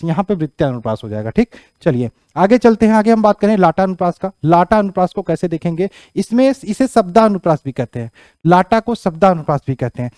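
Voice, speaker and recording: A high-pitched man teaching a grammar lesson for an entrance exam. He repeats each rule several times and keeps asking the class whether it is clear. The sound is dry and close, with almost no room echo. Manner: repeats key phrases, asks the class "clear?"; rises in pitch and loudness when explaining examples.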